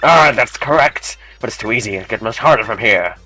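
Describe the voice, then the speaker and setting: A man's voice: on the low side, lively intonation, fairly quick, gravelly, pushed and bright, faint music behind, exaggerated voice. A man voicing a boastful, pirate-like stone quiz master while reading game dialogue aloud. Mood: smug. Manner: gloating, theatrical.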